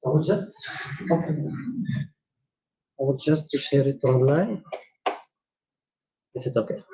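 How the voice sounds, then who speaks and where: Speaking slowly in a medium-pitched, dark voice, this Tunisian conference speaker presents technical material in a large hall. His talk is hesitant, full of fillers, restarts and non-native phrasing, captured by a far-off room mic that sounds echoey and dull.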